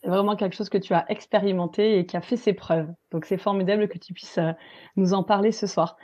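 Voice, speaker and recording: Mellow-voiced woman hosting a webinar. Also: mid-range voice, steady tone, brisk, dull audio. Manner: upbeat, hesitant, many fillers. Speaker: webinar host.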